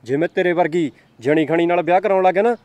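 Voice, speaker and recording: A man's voice: mid-range voice, expressive, quick pace, dry recording, lightly acted. A man playing a pushy, selfish young boyfriend. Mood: angry. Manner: dismissive, coaxing, turns loud. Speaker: actor in a short film. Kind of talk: scripted film dialogue.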